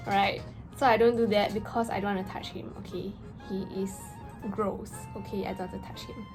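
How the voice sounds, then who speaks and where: A young woman telling a story in a casual vlog rant, with an animated, exasperated, slangy delivery and emphatic stresses. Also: mid-range voice, normal speed. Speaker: vlogger. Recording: music playing behind the voice. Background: background music.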